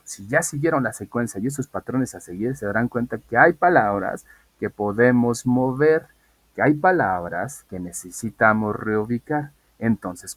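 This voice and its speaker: A man's voice: medium pitch, slightly rough, no echo. A man teaching an English class online, explaining patiently and asking students questions.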